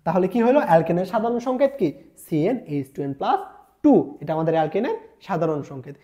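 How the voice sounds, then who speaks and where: A woman's voice: mid-range voice, mellow. A woman tutor gives an exam-revision chemistry lecture, quizzing the students and answering her own questions.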